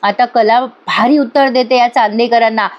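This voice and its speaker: High-voiced woman recapping a TV serial. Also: steady tone, moderate pace. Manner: storytelling, addresses viewers directly. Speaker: TV serial reviewer. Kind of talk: voice-over episode recap. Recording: dull lo-fi recording.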